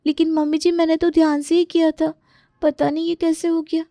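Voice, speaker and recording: A woman's voice: extremely high pitch, flat delivery, a little fast, mellow, no room sound, clean studio sound, voice pushed up. A woman doing a meek young cartoon bride. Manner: apologetic, pleading. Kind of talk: cartoon story voice acting.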